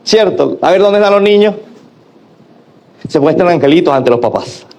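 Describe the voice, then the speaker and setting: Lively high-voiced pastor preaching. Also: male voice, normal speed. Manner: animated preaching with acted-out quotes and call-and-response. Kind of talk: sermon.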